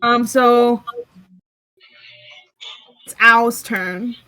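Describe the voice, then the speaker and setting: A woman running a tabletop game as game master, relaxed and unhurried, with frequent ums. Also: a little high, clear, resonant tone, faint music behind, poor audio.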